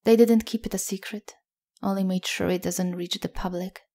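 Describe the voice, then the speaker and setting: A woman voicing a grave male doctor who delivers bad news in a hushed, matter-of-fact way. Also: mid-range voice, steady tone, normal speed, natural voice.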